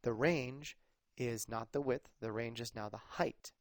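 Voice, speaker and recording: Man, math teacher, patient explaining, conversational, medium pitch, dry close recording. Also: a little slow, no echo. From United States. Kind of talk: recorded classroom lesson.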